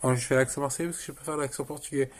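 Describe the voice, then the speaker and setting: A man's voice: medium pitch, fairly even intonation, very fast. A man giving casual football commentary in a rambling, sarcastic way, often breaking off his own sentences. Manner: rambling, sarcastic, self-interrupting. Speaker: football vlogger.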